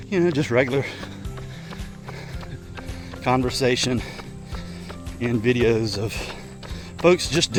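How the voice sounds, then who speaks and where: A middle-aged man chatting casually and ramblingly to his vlog while running, in short broken phrases with pauses. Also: mid-range voice. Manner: talking while running, slightly effortful. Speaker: vlogger. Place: outdoors, on the move.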